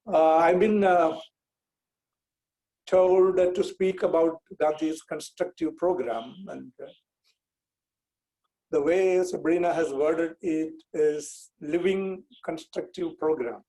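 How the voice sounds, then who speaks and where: A man in his sixties with a Malayalam Indian English accent from Kerala, explaining in a measured, deliberate way as a lecturer on a video call. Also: on the high side, mellow, rough recording. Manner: measured, deliberate, with repeated phrases for clarity. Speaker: guest speaker giving a lecture. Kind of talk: explanatory online talk. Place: indoor room with bookcase, on a video call.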